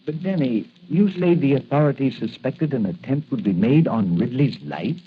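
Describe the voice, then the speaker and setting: An actor playing a kindly, concerned older doctor and advisor in a 1940s radio drama, hesitant and questioning. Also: male voice, medium pitch, lively intonation, normal speed, lightly acted. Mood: puzzled, questioning. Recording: muffled, noisy old radio recording.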